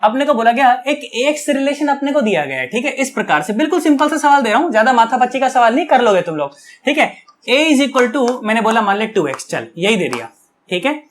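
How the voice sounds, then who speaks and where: A man's voice: very high-pitched, sing-song, brisk. Chatty, coaxing male physics teacher. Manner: chatty and coaxing, with constant check-ins; affectionate and earnest toward students. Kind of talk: online video lecture.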